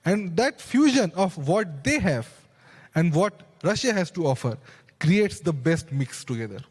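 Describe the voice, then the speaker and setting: A man's voice: sits high, very animated, a little slow, breathy edge. A young man speaking earnestly as a panel speaker at a conference, holding a handheld mic and explaining at length. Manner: earnest, explanatory, with restarts and asides. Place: large conference stage hall. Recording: long hall reverb.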